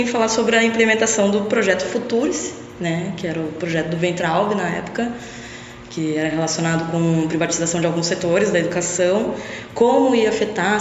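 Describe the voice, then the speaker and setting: A woman's voice: medium pitch, slight background noise. A young woman from Brazil, a podcast guest, talking reflectively about her studies and often adding little tag questions. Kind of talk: casual interview talk. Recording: echoey long-reverb lo-fi room.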